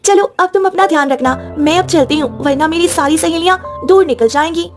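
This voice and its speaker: A woman voicing Leena, a gentle but guarded young village girl hiding a secret, in a cartoon story. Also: very high voice, a little fast, faint music behind. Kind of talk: Hindi cartoon voice acting.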